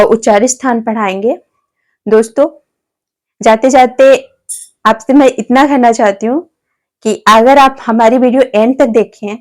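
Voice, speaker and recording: A woman's voice: on the high side, a little mellow. A woman teaching grammar to her viewers, asking questions and answering them herself and spelling letters out one by one. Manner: addresses viewers as friends, asks and answers own questions.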